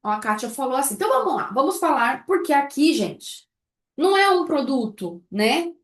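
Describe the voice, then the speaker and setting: Lively woman teaching in an echoey room. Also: high voice, moderate pace. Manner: lively, rhetorical questions to the audience. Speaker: baking business instructor. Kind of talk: live online class.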